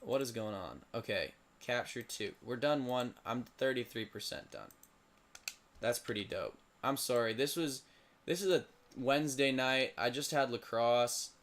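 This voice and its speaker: Late at night, a hoarse, tired teenage boy commentates on a simulated lacrosse league, rambling and mumbling self-pityingly between plays. His mid-range voice is a bit bright and unhurried.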